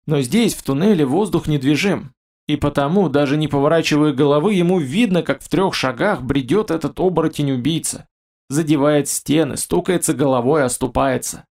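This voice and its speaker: A man narrating a fantasy audiobook in a steady storytelling manner. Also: fairly high pitch, moderate pace.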